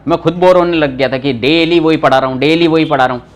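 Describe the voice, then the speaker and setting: In a live online German class, a young man with a slightly high voice speaks quickly, explaining word meanings in casual Hindi mixed with English. He quizzes students by name and teases the ones who forget.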